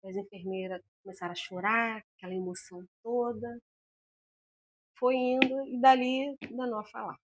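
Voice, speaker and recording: A woman's voice: a little high, normal speed, slight background noise. A woman, an interview guest telling a personal story about her son and acting out the voices of the people in it. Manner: animated, acts out the dialogue she recounts. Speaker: interview guest, mother of a patient.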